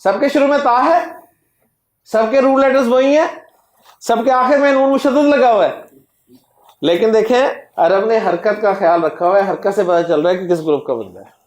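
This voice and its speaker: Teacher quizzing a class, echoey room. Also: male voice, high voice. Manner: drills word forms slowly, quizzing the class. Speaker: Arabic grammar teacher. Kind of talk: classroom lecture.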